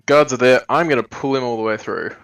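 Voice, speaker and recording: A man chatting casually as a tabletop game player, halting and restarting as he plans. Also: medium pitch, gravelly, fairly bright tone. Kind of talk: casual chat. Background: faint music.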